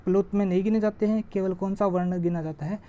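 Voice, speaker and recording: A woman teaching an exam-prep grammar lesson. She asks a question and answers it herself, and she draws vowel sounds out slowly to show them. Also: medium pitch, steady tone, mellow, lo-fi sound. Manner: stretches vowels slowly when demonstrating sounds.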